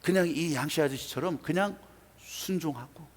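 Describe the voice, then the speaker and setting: Husky-voiced man preaching a sermon. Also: a little high, normal speed. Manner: animated storytelling, emphatic asides. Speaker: pastor. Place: church sanctuary. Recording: reverberant church hall.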